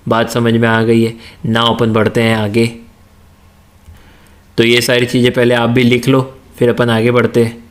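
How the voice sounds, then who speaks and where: A man's voice: medium pitch, monotone, normal speed, long pauses. A male teacher giving a lecture, asking his students questions and answering them himself, mixing English terms into his speech. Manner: slips into Hindi-English mix. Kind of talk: classroom lecture.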